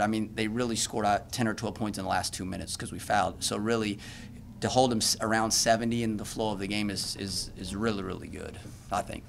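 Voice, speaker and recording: Low-voiced coach at a press podium. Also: male voice, vocal fry, a little hiss or hum. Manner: earnest, self-correcting, many restarts. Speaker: basketball coach. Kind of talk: postgame press conference answers. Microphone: podium mic.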